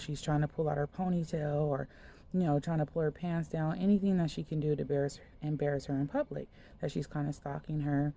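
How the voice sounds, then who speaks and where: A woman's voice: sits low, creaky, dark tone. A woman minister giving a casual spoken sermon, retelling a dream in a loose, conversational way full of fillers.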